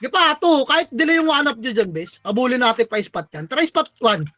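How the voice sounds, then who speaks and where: High, bright shot-caller barking calls. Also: lively intonation, no room sound. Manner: barking rapid callouts, counting down, frequent cursing. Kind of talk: live esports team comms.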